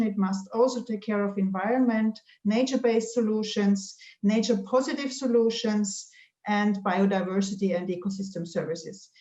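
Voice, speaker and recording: A woman with a delivery, a board chair giving measured closing remarks with frequent fillers. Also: mid-range voice, mellow, echoey room, muffled recording. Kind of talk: concluding remarks at an online conference.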